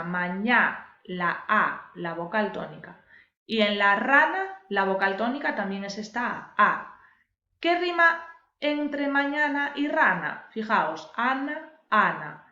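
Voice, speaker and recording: Her voice sits on the high side, pushed and bright, as this woman teacher patiently walks her viewers through a lesson and emphasizes the key words. It's captured in an echoey room with muffled, lo-fi quality.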